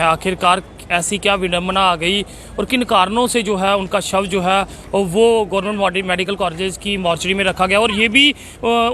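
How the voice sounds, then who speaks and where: A male reporter asks formal questions in a high, bright voice. He keeps affirming his guest as they talk. Faint street noise sits behind him. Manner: formal, frequent affirming interjections. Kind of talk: field news interview.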